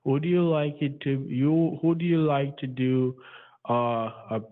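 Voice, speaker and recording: A man with a Jamaican accent, pitching slowly and deliberately over a landline phone. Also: steady tone. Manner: slow, deliberate salesman pitch. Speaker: scam caller. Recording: tinny phone line.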